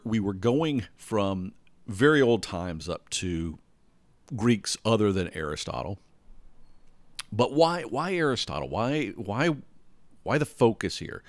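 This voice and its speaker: Recording alone indoors at home, this podcast host speaks in a lowish voice, wandering casually through his thoughts, often starting sentences over and checking that the listener is with him. The audio is close and dry, without any room sound.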